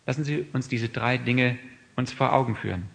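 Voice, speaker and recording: A man's voice: mid-range voice, normal speed, gravelly. Earnest German-speaking preacher man. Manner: earnest, swings from quiet reflection to raised emphatic appeals; asks the listeners many questions. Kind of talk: sermon.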